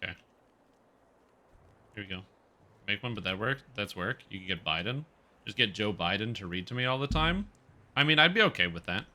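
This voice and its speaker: A man livestreaming a game on headset audio, chatting casually with viewers and reacting loudly to the gameplay. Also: on the low side, expressive, brisk, long pauses. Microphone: livestream headset mic.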